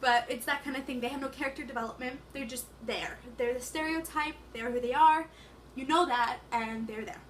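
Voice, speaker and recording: A woman's voice: sits high, steady tone, a little fast, a little hiss or hum. A young woman giving a casual, hesitant class presentation, with many fillers. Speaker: student presenter.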